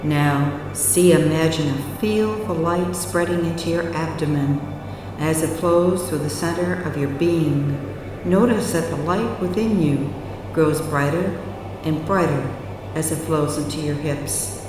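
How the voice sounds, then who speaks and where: A woman narrating a guided relaxation meditation in a soothing, measured way with long pauses, recorded with heavy reverb. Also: low voice, background noise. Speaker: hypnotherapy guide. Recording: very echoey, long reverb, distant. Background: music.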